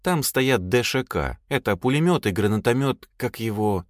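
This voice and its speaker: A man's voice: medium pitch, animated, normal speed, no room sound, studio quality, voice pushed up, lightly acted. A man voicing a brash, cheeky young woman. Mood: offhand.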